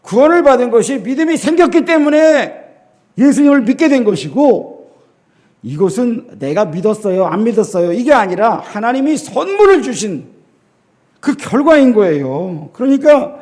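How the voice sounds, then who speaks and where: A middle-aged man preaching a sermon as a pastor in a church, emphatic, with rhetorical questions to the congregation and sudden drops to a quiet voice. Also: sing-song, moderate pace. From South Korea. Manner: swings between loud emphasis and low, quiet lines.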